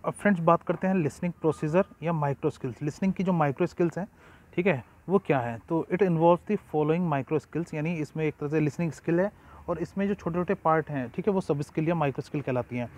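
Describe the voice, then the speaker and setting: High-voiced teacher explaining exam notes. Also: male voice. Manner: reads English notes slowly, then explains in Hindi with frequent "ठीक है". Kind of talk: exam-prep lecture.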